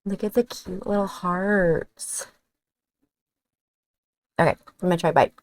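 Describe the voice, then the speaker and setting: A woman's voice: on the low side, steady tone, takes it slowly, no room sound. A woman vlogging a cooking demonstration in her home kitchen, chatting casually and thinking aloud as she cooks and tastes.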